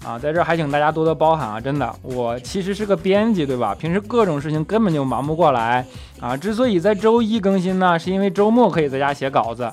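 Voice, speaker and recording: A man's voice: on the high side, expressive, darkish tone, soft background music. Teasing man. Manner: teasing, quick comebacks, chuckling often. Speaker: podcast host reading listener comments. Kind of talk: comedic comment-reading show.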